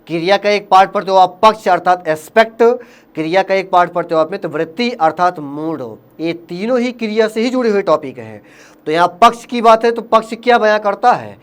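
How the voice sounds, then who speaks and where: Male Hindi grammar tutor with a high voice and a Hindi accent, running a quiz-style exam drill. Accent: Hindi, Uttar Pradesh. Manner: explains by asking quiz questions, then answers them himself, calls listeners friend. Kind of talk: exam-prep lesson.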